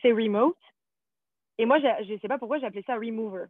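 A woman's voice: a little high, quick pace, dry recording. A French-speaking woman in casual conversation, chatty and full of fillers, telling stories from her own life. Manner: chatty, storytelling, many fillers. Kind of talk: casual chat. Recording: tinny phone-like line.

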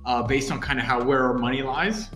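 A man's voice: mid-range voice, fairly quick, fairly bright tone. A man co-hosting a casual podcast, asking rambling, teasing questions. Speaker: podcast co-host. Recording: roomy sound with faint music.

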